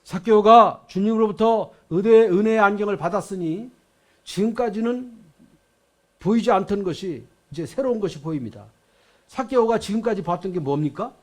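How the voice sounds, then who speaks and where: A man's voice: high voice, moderate pace. An older man, an emeritus pastor, preaching a sermon in a dramatic, emphatic way.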